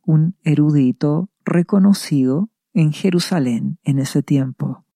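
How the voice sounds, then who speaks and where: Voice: medium pitch, slow, dark tone, dry recording, clean studio sound. A preacher giving a sermon, retelling a scripture passage and asking rhetorical questions before answering them. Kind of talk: radio sermon reading scripture.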